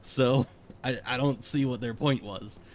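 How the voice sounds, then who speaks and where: A man's voice: mid-range voice, unhurried, a little hiss or hum. A man streaming a game, chatting casually and rambling as he thinks aloud. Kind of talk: casual gameplay commentary.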